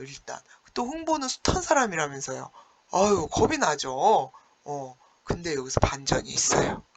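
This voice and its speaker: A male teacher giving an online class lecture, retelling a story with animated exclamations. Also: on the high side, noisy background.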